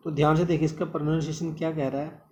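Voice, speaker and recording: High-voiced man teaching vocabulary. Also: level tone, very fast, mellow, highs cut off. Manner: repeats words often and calls the students "my dear". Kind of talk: exam-prep vocabulary lesson.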